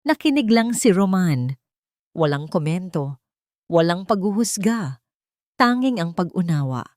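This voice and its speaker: This is scripted audiobook narration of a dramatic story, read by a woman whose voice sits fairly low. She reads in an unhurried, sing-song way with a slightly mellow tone, and the recording is dry and close with little sense of a room.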